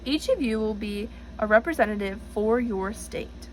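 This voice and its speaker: A woman's voice: mid-range voice, animated, normal speed, darkish tone, a little hiss or hum, natural voice, poor audio. A woman reading the part of an encouraging female schoolteacher in a storybook, speaking as if announcing to a class. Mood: explaining.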